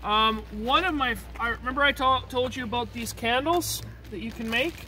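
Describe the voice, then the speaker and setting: A man's voice: very high voice, normal speed, pushed and bright. A man, a teacher giving a casual hands-on survival demonstration outdoors, often checking in with his students. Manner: casual, checks in with "okay?", chatty asides. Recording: distant outdoor mic with traffic noise.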